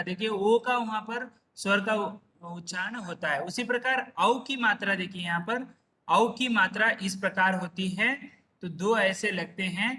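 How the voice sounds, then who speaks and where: Male teacher, online class: slow, bright-toned, patient repeater, sits back from the mic. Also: sits high. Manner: patient, repetitive, drawn-out syllables. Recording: voice far from the mic.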